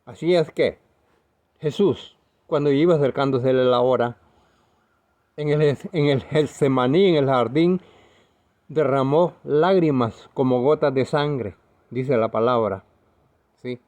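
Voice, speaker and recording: A man's voice: mid-range voice, slow, long pauses, darkish tone. A man preaching a video sermon in an earnest, emphatic way, now and then correcting himself.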